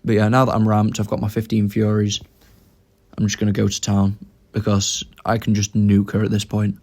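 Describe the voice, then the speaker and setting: Young male gamer with a low voice, talking through his plays casually. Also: completely flat delivery, moderate pace, gravelly, a little mellow. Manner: thinks aloud about his moves. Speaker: game commentator. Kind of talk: casual gameplay commentary.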